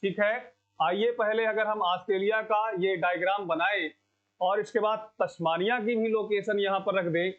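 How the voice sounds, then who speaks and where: A man's voice: high voice, steady tone, moderate pace. A man teaching an exam-prep lecture, repeating key answers and quizzing the class. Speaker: coaching teacher. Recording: dull lo-fi sound.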